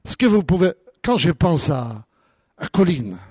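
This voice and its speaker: A man preaching a sermon as a pastor, animated, acting out the voices of believers. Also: on the high side, measured pace, breathy edge, no room sound.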